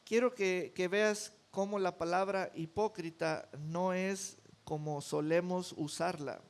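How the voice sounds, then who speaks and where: A man with a high voice delivers a sermon at an unhurried, deliberate pace. He preaches emphatically, repeating key words to drive them home. He is a pastor addressing his congregation. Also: steady tone.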